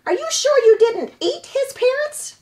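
A woman voicing a bossy old female goose who squawks out rapid, scolding advice in a storybook reading. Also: very high voice, lively intonation, darkish tone, pitched above the performer's own voice.

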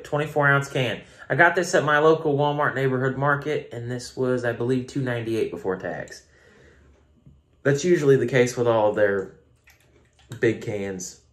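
A man with a Southern US accent casually reviewing a drink on a phone camera at home, chatty, rambling and self-mocking. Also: medium pitch. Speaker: beer reviewer. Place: home room.

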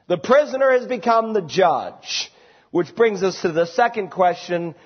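A man's voice: high voice, expressive, unhurried, slightly rough, in a large hall, highs cut off. A male pastor preaching an expository sermon, voicing the quoted lines with emphatic rising intensity. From United States.

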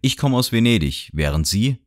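A man voicing a talkative middle-aged gentleman on a train who rambles and lectures cheerfully. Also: on the low side, lively intonation, normal speed, voice pushed up, natural voice. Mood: chatty. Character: chatty middle-aged gentleman traveler, boastful and nosy. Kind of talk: audiobook character voice. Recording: dry studio sound.

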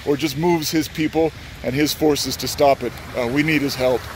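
A man's voice: on the high side, fairly even intonation, moderate pace. A man hosting a street interview, holding the camera himself, affirming and repeating his guest's answers devoutly outdoors on a snowy street. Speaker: interviewer and channel host. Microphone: handheld camera. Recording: street traffic noise. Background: traffic.

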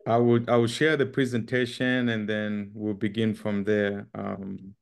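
Gravelly-voiced man from Zambia presenting. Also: lowish voice, level tone, measured pace. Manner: earnest, with frequent ums and repeats. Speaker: guest speaker. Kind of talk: webinar presentation. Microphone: webcam on a video call.

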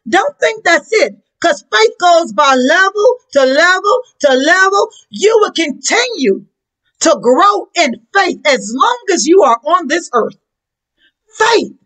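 An American woman preaches a sermon in a very high, lively voice that swoops widely up and down. She takes her time, and her words break into cries at the peaks. The passion stays in every phrase. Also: rough recording. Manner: impassioned preaching, voice breaking and crying out. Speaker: pastor.

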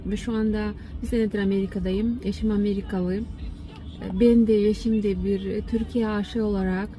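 Mellow, even-toned woman from Kyrgyzstan, halting speech. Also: medium pitch, rough recording. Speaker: vlogger. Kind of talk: casual talk to followers.

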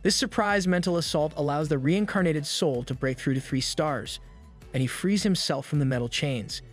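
A man reading a scripted manga recap, brisk and steady, with the odd dry joke. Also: on the high side. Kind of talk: scripted narration. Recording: narration over background music.

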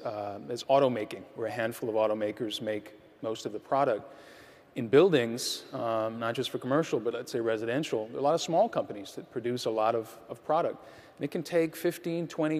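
A man's voice: medium pitch, brisk. A man in his thirties speaking frankly as a panelist on an auditorium stage, with a lapel mic. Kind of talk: panel discussion. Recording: long hall reverb.

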